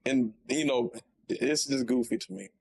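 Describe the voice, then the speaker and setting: A man's voice: medium pitch, measured pace, vocal fry, husky, no room sound. A young man co-hosting a casual gaming podcast, ranting in a heated, profane way. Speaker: podcast co-host.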